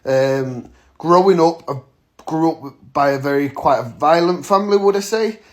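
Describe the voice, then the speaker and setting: A man's voice: on the high side, moderate pace. A man in his thirties, a vlogger telling a story straight to camera in a blunt, slangy, casual way. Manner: blunt, slangy, acts out the moments he retells.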